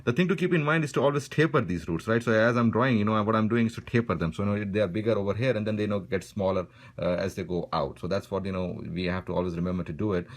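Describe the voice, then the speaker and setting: A man narrating a pen and ink drawing tutorial in a relaxed way, filling his speech with "you know" as he draws. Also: on the low side, fast. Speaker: drawing instructor. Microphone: voice-over while drawing.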